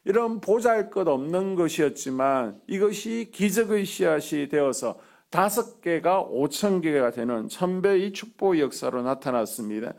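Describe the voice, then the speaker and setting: A man preaching a sermon as a pastor, earnest, with many drawn-out "ah" fillers between phrases. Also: on the high side, lively intonation, gravelly, a little mellow.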